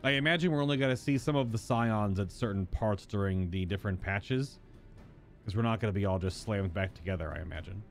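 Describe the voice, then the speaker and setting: Over faint background music, a man with a lowish voice talks a little quickly as he live-streams a game's story. Between lines he reads aloud, he chats casually and speculates in asides.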